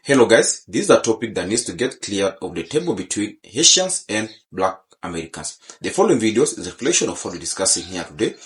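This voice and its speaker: A man's voice: on the low side, sing-song, fast, few pauses. A man hosting a channel, reading a scripted introduction directly to his viewers. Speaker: channel host. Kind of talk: scripted video narration.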